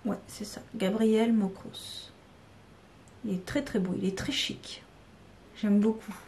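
A woman's voice: mid-range voice, fairly even intonation, slow, a little mellow, a little hiss or hum. A woman with a French accent talking casually and unscripted to her viewers, rambling with many fillers and sometimes dropping to a near-whisper. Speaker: YouTuber showing card decks. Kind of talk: unscripted casual talk to camera.

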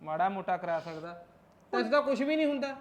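A woman's voice: medium pitch, expressive, fast talker, close to an everyday voice. A woman playing a short-tempered husband who nags and scolds his wife. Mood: scolding. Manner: nagging, scolding.

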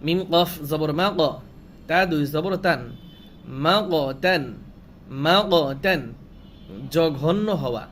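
Male Quran reading teacher, Bangladeshi Bengali accent, drawn-out syllable drills, repeats each reading, faint background noise. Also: a little high, a bit bright. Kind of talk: slow spelling-out recitation lesson.

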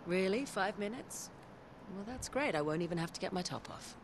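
A woman's voice: mid-range voice, expressive, moderate pace, lightly acted. An actress playing a sly, flirty female treasure hunter in video game cutscene dialogue. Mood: teasing. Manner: sly, teasing. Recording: game audio with ambient noise.

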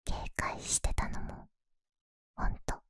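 A woman's voice: slow pace, no echo, studio quality. Woman as a shy whispering animal-eared girl, pillow-talk role-play. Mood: affectionate, sleepy. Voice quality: breathy whisper. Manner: soft, intimate, hesitant pillow talk. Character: shy, once wary young animal-eared girl, now affectionate. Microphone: close, dry microphone.

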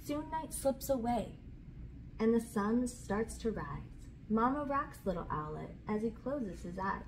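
A woman in her thirties, her voice on the high side with lively intonation and a slightly slow pace, hosts a children's read-aloud, reading storybooks and chatting casually. The camera sits about arm's length away in a small indoor room backed by a curtain. Quality is low, and room noise is clearly audible.

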